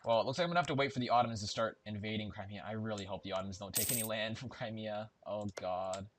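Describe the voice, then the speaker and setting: Over game music and keyboard typing, a man with a lowish voice talks fast against a noisy background. He's doing casual let's-play commentary on a strategy game, thinking aloud as he plays and chatting away while correcting himself.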